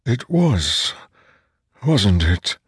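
A man performs an ancient, weary storm spirit from an audiobook fantasy, his voice a rumbling low growl. He speaks slowly and gravely, with great weight behind every phrase. The recording is dry and close. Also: sing-song, no room sound, exaggerated voice. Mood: wistful. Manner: slow, solemn and heavy.

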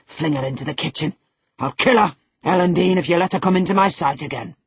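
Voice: medium pitch, steady tone, moderate pace, husky, dry recording. A narrator voicing a savage, brooding middle-aged master of a house, harsh, imperious and threatening, in an audiobook. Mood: savage fury.

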